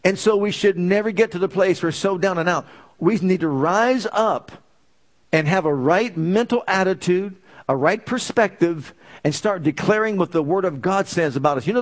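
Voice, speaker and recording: A man preaching a sermon as pastor, with emphatic repeated declarations. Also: high voice.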